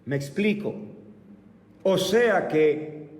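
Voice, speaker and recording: A man in his fifties teaching a church Bible class, speaking deliberately and asking the class rhetorical questions. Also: high-pitched, expressive, a little mellow. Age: 50s. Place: church meeting room. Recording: echoey hall, mic far off.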